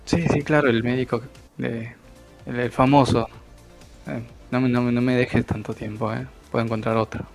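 Hushed flirty woman lover, sly and teasing, acted by a man with a gravelly voice. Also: mid-range voice, little pitch movement, normal speed, faint music behind, lightly acted.

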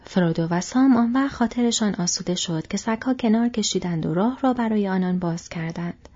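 Woman reading an audiobook, soft husky voice, kinda dull lo-fi sound. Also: mid-range voice. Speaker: audiobook narrator. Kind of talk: scripted narration.

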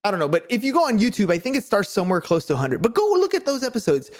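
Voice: mid-range voice, very animated, very fast, darkish tone. A podcast co-host talking casually and motivationally, earnest and rambling, often checking that the listener agrees.

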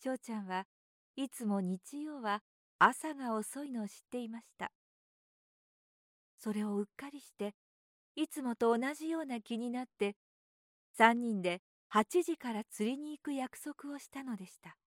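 A woman narrating a children's story in a gentle, measured reading voice. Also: a little high, no room sound, clean studio sound.

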